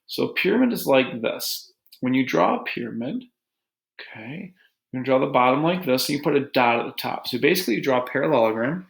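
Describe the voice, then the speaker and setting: A man teaching a geometry lesson to his students in a relaxed, joking way, talking as he draws. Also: mid-range voice, vocal fry. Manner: relaxed, joking, talks while drawing on a board. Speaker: math teacher. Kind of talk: recorded math lesson. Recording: echoey room.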